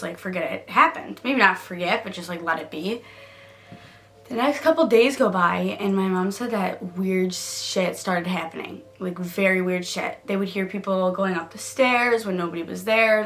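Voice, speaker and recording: A woman's voice: medium pitch, a bit bright. A young woman vlogger telling a spooky story in a casual, rambling way, often giggling and saying "like.".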